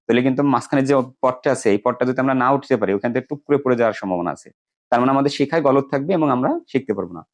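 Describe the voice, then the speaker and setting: A man with a Bangladeshi accent teaching an English grammar lesson to students, explaining step by step and slowly repeating key words. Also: medium pitch, dull audio.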